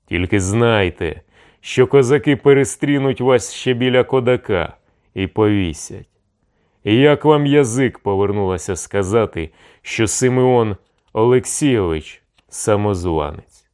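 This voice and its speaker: A man's voice: lowish voice, expressive, unhurried, clear, resonant tone. A man voicing a hot-tempered, fiery cossack who mocks and threatens in an audiobook. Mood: angry scornful. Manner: shouting threats, mocking.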